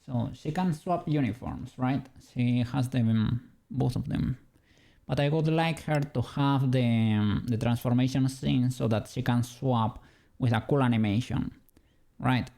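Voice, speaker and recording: In a gravelly yet warm mid-range voice at a measured pace, a streamer from Spain works on an animation. The 3D rigger, who has a Spanish accent, chats casually with his audience, thinking out loud and laughing softly.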